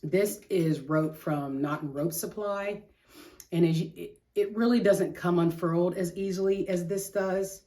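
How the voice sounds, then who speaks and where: A woman's voice: on the low side, unhurried, warm tone. A middle-aged woman hosting a craft vlog, chatting casually in a rambling, slangy way with self-deprecating humor. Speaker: craft show host.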